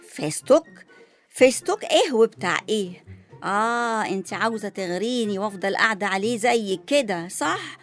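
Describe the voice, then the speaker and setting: An actress playing a suspicious, sharp-tongued elderly grandmother in a comedy sketch, speaking with an Egyptian accent. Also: mid-range voice, expressive, brisk, close to an everyday voice. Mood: grumbling. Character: fussy elderly grandmother new to phones.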